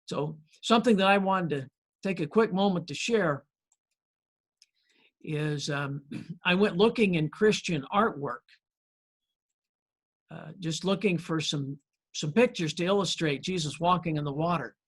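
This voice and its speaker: Folksy pastor with a higher voice. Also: male voice, slightly rough. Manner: folksy storytelling with gentle humor; friendly and unhurried, with frequent "uh" pauses. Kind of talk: conversational sermon.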